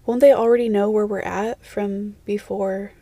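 Female reader as a curious young witch, inquiring, dry and flat delivery. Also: medium pitch, normal speed, dry recording, lightly acted. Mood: puzzled. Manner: questioning. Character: puzzled young witch with rust-colored brows. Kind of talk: fan fiction audiobook.

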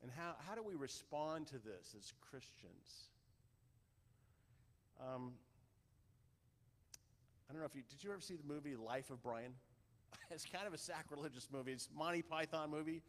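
A slightly high-voiced male pastor gives a loose, conversational sermon. He rambles and often restarts his sentences. A long reverb trails behind his voice, as in a large hall. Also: expressive. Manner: rambling, halting, with many restarts.

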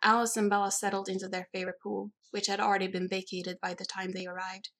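A woman narrating a novel in a steady, even storytelling manner. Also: medium pitch, quick pace. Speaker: audiobook reader. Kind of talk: scripted narration.

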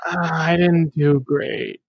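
A man's voice: a little high, fairly even intonation, slow, dry recording, lo-fi sound. A man playing in a tabletop game podcast, dry and teasing. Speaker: player. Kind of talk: casual chat among players.

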